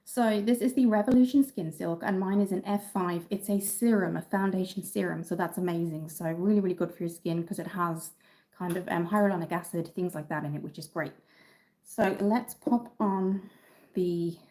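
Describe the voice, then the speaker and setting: Speaking into her phone camera, an Irish woman from Dublin answers viewer comments on a beauty livestream in a casual, upbeat way full of ums. Her voice is mid-range with a dark tone.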